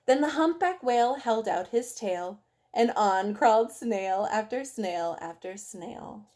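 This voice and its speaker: A woman reading a picture book aloud to young children in an expressive way, with dramatic emphasis, speaking straight to her listeners. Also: medium pitch, measured pace. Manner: addresses young listeners directly with questions.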